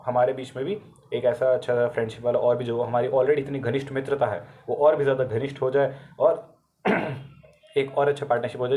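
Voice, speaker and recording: A man's voice: mid-range voice, warm tone. An Indian man with a sore throat talks through the day's news for exam students. He is casual and chatty, slips English phrases into his Hindi, and stops to correct himself. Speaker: current affairs tutor.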